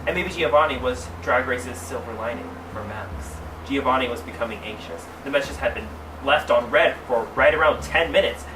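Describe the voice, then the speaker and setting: A man recorded away from the mic with clear background noise. He has a sassy drag queen manner, reading a story aloud for comedy. He stretches words for theatrical emphasis and breaks into casual, mock-scandalized asides. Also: medium pitch, normal speed, hardly any pauses. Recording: roomy, distant mic, clearly noisy background.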